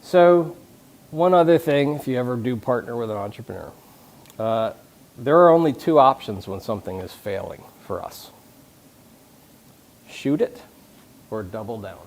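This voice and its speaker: A man gives a loose, conversational talk to a live audience at a company conference. He jokes, restarts his sentences and throws questions at the room. His voice sits in a plain middle pitch. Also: animated, normal speed, gravelly, a little mellow. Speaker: conference speaker on leadership.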